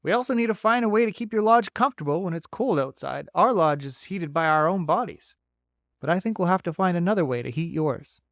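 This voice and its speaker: A man's voice: high voice, lively intonation, brisk, fairly bright tone, dry recording, studio quality, pitched above the performer's own voice. A man voicing a friendly, talkative male beaver who eagerly gives folksy advice in an audiobook. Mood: chatty. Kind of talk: audiobook character voice.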